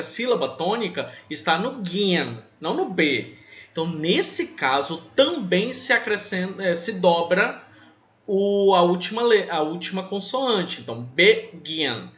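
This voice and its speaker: A man's voice: sits high, animated, unhurried, fairly bright tone, reverberant. A young man teaching an English grammar lesson to children, patiently spelling out rules and repeating them step by step. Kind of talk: online class lesson for children.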